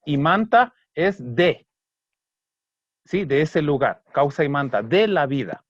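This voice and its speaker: A man teaching an online Kichwa language class, patiently breaking down song lyrics and slowly repeating words. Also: fairly high pitch, big pitch swings, dry recording. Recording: dry, slightly dull online class audio.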